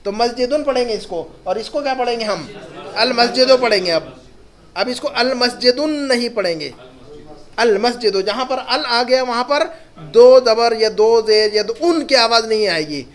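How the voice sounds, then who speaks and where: High-pitched male teacher, patient classroom delivery, reads slowly then explains fast. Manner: slow, drawn-out reading of each word, then quick explanations with checking questions. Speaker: Arabic teacher. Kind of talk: classroom lesson, reading and translating words.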